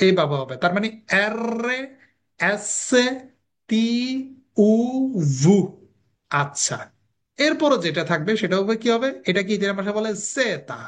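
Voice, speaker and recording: In a recorded language lesson, a teacher with a mid-range voice poses questions and answers them. Each sound is repeated slowly for drilling.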